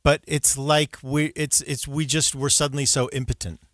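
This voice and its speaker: Radio co-host dude, emphatic and kinda fed up, middle pitch, dry close mic. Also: male voice, flat delivery, moderate pace, a bit bright, dry recording. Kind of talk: casual radio chat. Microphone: studio mic.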